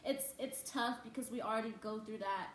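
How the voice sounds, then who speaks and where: Young woman, daughter, relaxed casual chat, roomy echo, faint noise. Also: fairly high pitch, brisk. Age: young adult. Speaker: daughter, guest. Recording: echoey room, faint noise.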